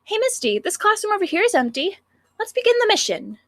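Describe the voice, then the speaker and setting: A woman voicing a bubbly, clumsy, cheerful teenage schoolgirl in a squeaky, sing-song, whiny voice while reading a visual novel aloud. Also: big pitch swings, fairly quick, no room sound, full character voice. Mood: excited.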